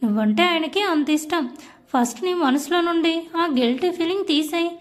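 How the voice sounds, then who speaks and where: A woman reading as a gentle young husband. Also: extremely high pitch, moderate pace. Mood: consoling. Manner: soft, consoling.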